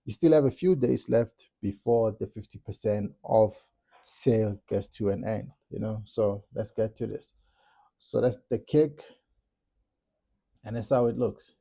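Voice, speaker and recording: A man with a South African accent talks through a beat he has made, in a low, gravelly and very dark voice. He explains each step in a relaxed, casual way while music plays faintly behind him. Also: measured pace. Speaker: music producer tutorial host. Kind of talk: casual production tutorial. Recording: music playing in the background.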